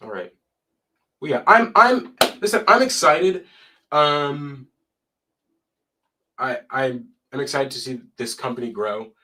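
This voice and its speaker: A young man hosting a casual live stream from his desk, his voice stuffy from a cold. He reads out figures and breaks off into chatty asides, at a middling pitch. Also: animated, slow, pauses often, pushed and bright. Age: young adult.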